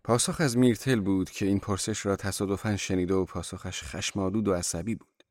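A man narrating an audiobook with an expressive, dramatic reading. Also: deep voice, no echo, clean studio sound.

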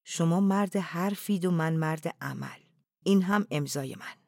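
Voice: mid-range voice, vocal fry, no echo, clean studio sound, natural voice. A reader playing a proud, defiant outlaw chief. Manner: proud, declaiming.

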